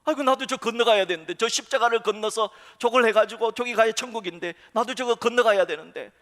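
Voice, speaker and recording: A man's voice: sits high, wildly swooping pitch, normal speed, bright, forceful tone, voice pushed up, exaggerated voice. A man acting out a tired believer who begs to have their heavy cross cut shorter, in a pleading, whining voice. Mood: lamenting. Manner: pleading, whining, self-reproaching. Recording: reverberant church sanctuary.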